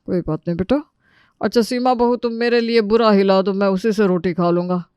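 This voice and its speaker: A woman's voice: medium pitch, a little fast, mellow, clear, resonant tone, no room sound, lo-fi sound, close to an everyday voice. A woman voicing a stern older father-in-law in a cartoon story, scolding in a fatherly way. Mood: calm.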